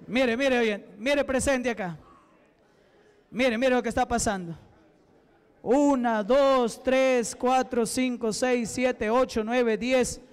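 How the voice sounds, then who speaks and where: A Peruvian deacon with a Peruvian Spanish accent leads a deliverance prayer in a church service. His man's voice sits unusually high and rings out smooth and clear. He hammers out fervent, repeated commands, often near a shout. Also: steady tone, slow, long reverb tail. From Peru.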